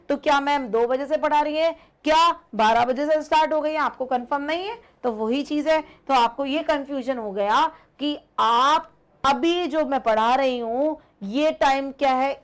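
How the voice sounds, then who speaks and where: A woman teaching an online English grammar lesson, explaining slowly, repeating points and calling her students "beta". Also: high-pitched.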